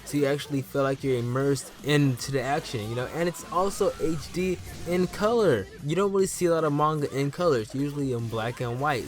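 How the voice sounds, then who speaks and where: Playful young man hosting an anime vlog. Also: mid-range voice. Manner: animated, joking, playful. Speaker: anime YouTuber host. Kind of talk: casual vlog commentary.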